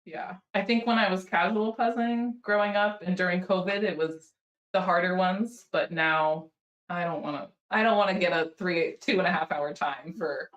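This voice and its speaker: A woman's voice: fairly low pitch, normal speed, fairly bright tone, roomy sound, lo-fi sound. A woman from California, a guest speed puzzler, chatting upbeat on a video call. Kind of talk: casual video call chat.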